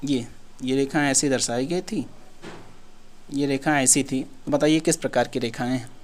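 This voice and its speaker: A man with a medium-pitched voice teaches an exam-prep lesson at a moderate pace. His style is casual, and he repeats himself, posing questions and then answering them himself.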